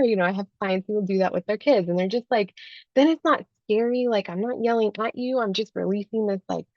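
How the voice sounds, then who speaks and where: A woman's voice: mid-range voice, dry recording, dull audio. A woman life coach talking as a podcast guest in a chatty way, often adding "like" and "right?". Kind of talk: podcast interview.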